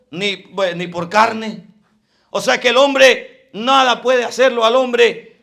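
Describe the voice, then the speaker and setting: A man preaching a fervent sermon, rising loud for emphasis and dropping low for asides. His voice sits high and carries a gravelly edge. It has a bright, forceful ring.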